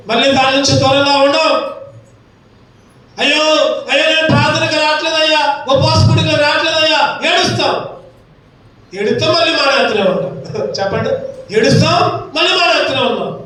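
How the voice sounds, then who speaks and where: A man's voice: very high voice, fairly bright tone, slight background noise. A man preaching a sermon in a church hall, asking rhetorical questions and repeating his phrases. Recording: echoey hall from far off.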